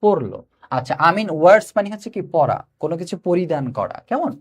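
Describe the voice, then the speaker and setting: A male English teacher with a Bangladeshi accent giving a live online class. He asks the students quick questions, answers them himself and slows down to read English lines word by word. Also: high voice, very animated, breathy edge. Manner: addresses students directly, invites comments.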